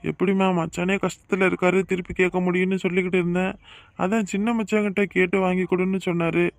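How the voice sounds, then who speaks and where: A mild young husband from a cartoon, voiced by a man who explains himself plainly. His voice sits high for a man but stays flat and even. The sound is dry and close. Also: fast talker, no echo.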